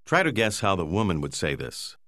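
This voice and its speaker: Slow, measured male course narrator. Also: low voice, wildly swooping pitch, a bit bright, no room sound, clean studio sound. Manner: slow, clear, measured prompts. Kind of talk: scripted instructional narration.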